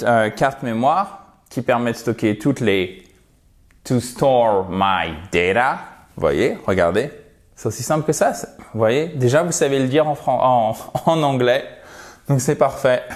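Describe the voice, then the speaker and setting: A man's voice: medium pitch, measured pace. A man teaching English vocabulary in a language lesson, patiently repeating words for pronunciation.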